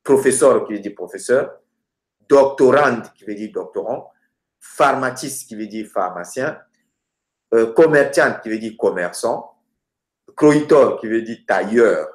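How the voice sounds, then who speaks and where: A man teaching grammar through lists of words, hesitating often and slowing down for each example. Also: medium pitch, animated. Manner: hesitant, many filler sounds, slows down for example words. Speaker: language teacher. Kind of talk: explaining grammar with word lists. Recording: roomy echoey room.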